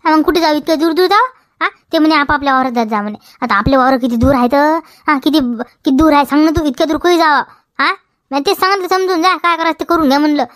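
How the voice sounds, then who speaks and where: A woman's voice: high voice, fast, a bit bright, no echo, clean studio sound. A woman with a Vidarbha Marathi accent playing a quarrelsome village wife who argues back and repeats her questions in a comedy sketch. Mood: gossiping. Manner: argumentative, repeats questions, tags "हा?".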